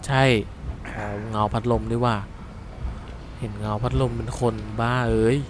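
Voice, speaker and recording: A man's voice: medium pitch, flat delivery, measured pace, noisy background. A young Thai man commentating his horror game play, joking, muttering to himself and cursing at the screen. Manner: jokey, talks to the screen, mutters and curses at the game. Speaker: gaming YouTuber.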